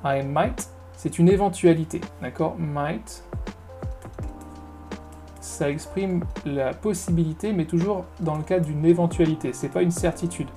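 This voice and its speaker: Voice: medium pitch, unhurried, dark tone, soft background music. A teacher patiently explaining English phrases in French, step by step, often repeating key words.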